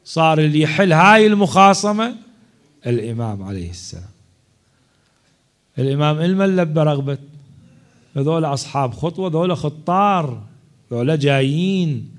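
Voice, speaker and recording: A man, a religious orator telling a story in a mourning sermon, swinging between loud cries and hushed asides. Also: a little high, lively intonation, moderate pace, long pauses.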